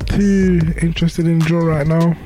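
A man's voice: a little high, little pitch movement, warm tone, soft background music. Young London man with a roadman accent. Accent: London, urban street slang. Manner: London roadman talk, slangy, halting and repetitive. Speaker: rapper, podcast guest. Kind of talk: casual interview chat.

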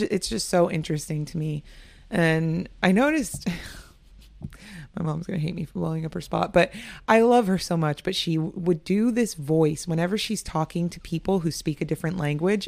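A woman's voice: fairly low pitch, vocal fry, darkish tone, no room sound. A young woman hosting a casual solo podcast, chatty and candid, often laughing and swearing. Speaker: podcast host.

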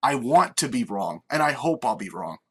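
Very animated at a normal speed, a medium-pitched, slightly rough-voiced American man hosts a casual sports podcast. Drawing on his on-air experience, he chats conversationally via an online video meeting call.

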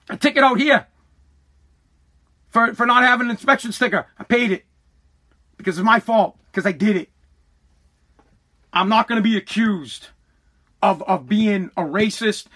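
Sitting high with a sharp tone, the voice is an American man from the United States hosting a podcast. It's a solo, opinionated rant, combative, emphatic, repetitive and profane.

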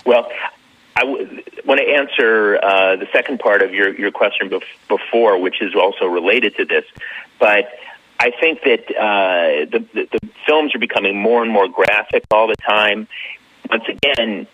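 Man, phone-in guest, halting with many fillers, low voice, husky edge, dry phone sound. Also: no room sound, muffled recording. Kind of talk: phone-in interview answer.

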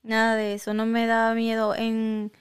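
Smooth higher-voiced woman telling a story. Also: completely flat delivery, normal speed. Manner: hesitant storytelling, mixes in English words. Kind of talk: casual chat.

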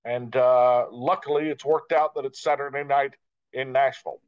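A radio play-by-play broadcaster, here as a guest, gives conversational interview answers in a mid-range voice with fairly even intonation. He sounds measured and reflective, speaking in short phrases separated by pauses. The audio is slightly dull and lo-fi.

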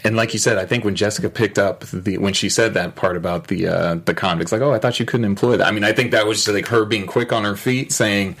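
A man's voice: lowish voice, brisk, few pauses, a bit bright, husky. A man co-hosting a TV after-show, recapping an episode in rambling, casual chat. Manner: rambling, with many fillers, acting out quoted lines.

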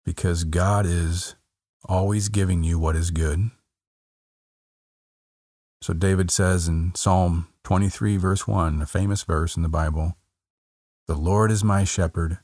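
A gentle meditation guide speaks in a very low male voice, taking his time. He's slow, soft and calm, repeating phrases between long pauses, and the sound is dry and close with no room sound at all.

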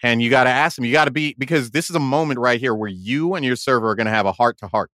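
Animated, laughing male podcast host. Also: medium pitch, fast talker, dry recording, clean studio sound. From Haiti. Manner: animated storyteller, laughs often, repeats words. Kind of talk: casual chat.

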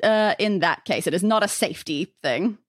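A woman's voice: medium pitch, lively intonation, moderate pace, dry recording, clean studio sound. A woman on a comedy panel game, teasing the players and giving hints. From Australia. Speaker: question-setter guest.

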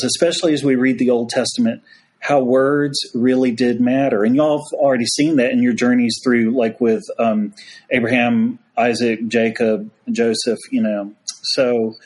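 A man's voice: mid-range voice, steady tone, a little slow, a little mellow. Folksy man telling a story. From United States. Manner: folksy storyteller, frequent "y'all". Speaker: Episcopal priest, podcast guest. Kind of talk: casual podcast conversation.

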